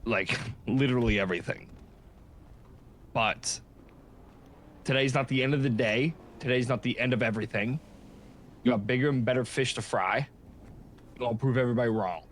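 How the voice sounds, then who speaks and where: An earnest, encouraging friend played by a man in a game role-play. He speaks at a medium pitch, casual and halting, repeating himself as he consoles. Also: a little hiss or hum, close to an everyday voice. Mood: consoling, earnest.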